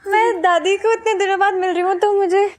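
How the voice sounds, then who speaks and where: A young woman playing a daughter in a TV sitcom, talking quickly and fibbing to cover up. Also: very high-pitched, fairly even intonation, dry recording. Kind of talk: TV sitcom acting.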